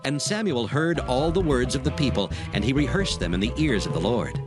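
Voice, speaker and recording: A man reading scripture narration in a measured, formal manner as storyteller. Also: medium pitch, lively intonation. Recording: faint music behind the voice.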